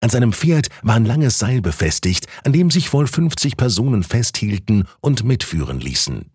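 A man narrating a historical story as an audiobook in an expressive storytelling manner. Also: normal speed, husky, no room sound, studio quality. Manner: expressive storytelling with wide pitch swings.

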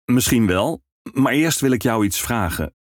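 A man's voice: mid-range voice, expressive, unhurried, no echo, clean studio sound, pitched above the performer's own voice, natural voice. A man reading a storybook, voicing a curious, somewhat timid young male minstrel.

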